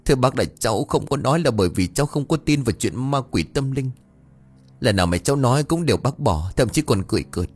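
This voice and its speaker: A man voicing a remorseful young man who speaks low, flat and bitter. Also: fast talker, slightly rough, soft background music.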